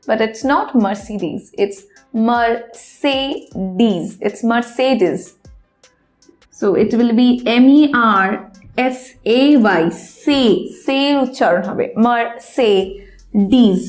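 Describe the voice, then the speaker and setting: In an echoey room, a woman with a slightly high voice gives an English pronunciation lesson. She goes slowly, spelling out each word one letter at a time.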